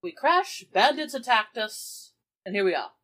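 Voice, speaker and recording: A woman with a high-ish, slightly bright voice speaks a little slowly but very animatedly. She's playing a tabletop roleplaying game, telling events in character in an informal, explanatory, conversational manner.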